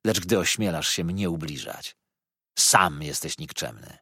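A man's voice: very deep voice, lively intonation, measured pace, creaky, sharp tone, slightly rough, dry recording, clean studio sound, heavily acted. A man voicing an arrogant, insolent older schoolboy who talks back to his teacher in a scornful, cocky way.

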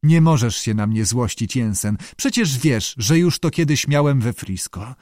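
A man's voice: medium pitch, expressive, a little mellow, dry recording, studio quality, close to an everyday voice. A man voicing a small, gossipy male Irish sailor in an audiobook, talking in a wheedling, conspiratorial way. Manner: wheedling, conspiratorial, quick to back down. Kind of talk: audiobook character voice.

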